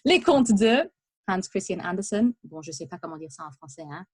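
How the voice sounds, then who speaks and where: A woman giving a prepared talk, lively and chatty, with many asides and hesitations. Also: fairly low pitch, brisk, slightly rough. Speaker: speaker giving a practice talk. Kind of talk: prepared speech for interpreting practice.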